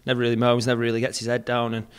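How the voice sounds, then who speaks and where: A man's voice: medium pitch, completely flat delivery, clear, resonant tone. A young man, a football club captain, giving a post-match interview into a handheld mic in front of a sponsor board, repeating words as he thinks. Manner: plain, measured, repeats words while thinking. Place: indoors in front of a sponsor backdrop. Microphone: handheld mic held close.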